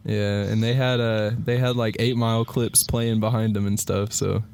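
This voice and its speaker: A man's voice: lowish voice, little pitch movement, moderate pace, gravelly, a little mellow, slight background noise. A man co-hosting a podcast, telling stories in a rambling way and filling them with "like". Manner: rambling storyteller, heavy use of "like". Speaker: podcast co-host. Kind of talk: casual sports and music chat.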